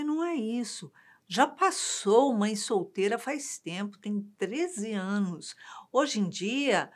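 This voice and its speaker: A woman with a Brazilian Portuguese accent hosting a talk program, emphatic and pressing her points. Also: mid-range voice. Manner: emphatic, indignant when arguing a point. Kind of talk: casual discussion on a talk program.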